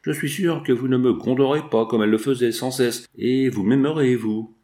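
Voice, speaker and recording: A man's voice: medium pitch, normal speed, dark tone, lightly acted. A man reading the part of a young boy who talks earnestly and directly.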